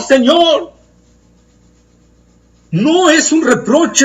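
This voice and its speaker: Male preacher, high-pitched, earnest and emphatic, recorded at a distance. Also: fairly bright tone. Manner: earnest, emphatic, slows to stress key phrases. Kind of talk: Bible study sermon.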